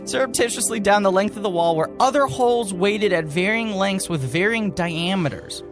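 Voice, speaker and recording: A podcast co-host with a voice that sits high reads aloud at a moderate pace over music. His reading is mock-serious and dramatic, interrupted by relaxed, amused asides.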